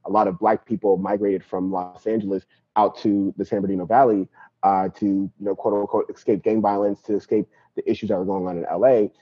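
A fairly quick, breathy, low voice with little pitch movement belongs to a young Nigerian activist guesting on a podcast. Chatting casually and thoughtfully about his life, he keeps dropping in "you know" and "right?", all captured in dull lo-fi audio.

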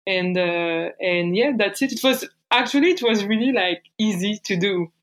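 A woman's voice: mid-range voice, normal speed, poor audio. A woman in her thirties from France with a French accent, answering interview questions hesitantly, with many fillers and restarts. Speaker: paper artist guest.

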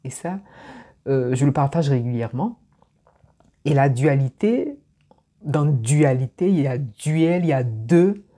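A woman's voice: rumbling low, animated, unhurried, long pauses, mellow. A woman from Ivory Coast, giving a reflective motivational talk straight to the viewer and often repeating words as she thinks. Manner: reflective, repeats words while searching for them. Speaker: personal development speaker.

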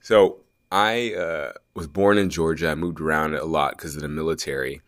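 A man's voice: extremely low pitch, fairly even intonation, normal speed, a bit bright, no room sound, studio quality. A man playing himself as a podcast host in a put-on British accent, speaking playfully with many filler words. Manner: playful, with self-conscious laughs and filler words. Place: fitness company studio.

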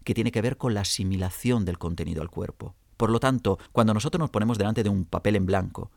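A man teaching a lesson on how actors memorize scripts. His voice sits low with a gravelly edge, and he explains each step clearly and deliberately. The sound is close and dry, with no room around it. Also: a little mellow, no room sound. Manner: clear, deliberate instruction addressed to students. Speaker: acting and stage coach.

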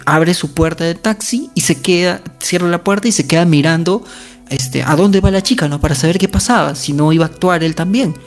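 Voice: mid-range voice, gravelly. A narrator casually retelling a ghost story in a conversational way, often tagging lines with questions and fillers.

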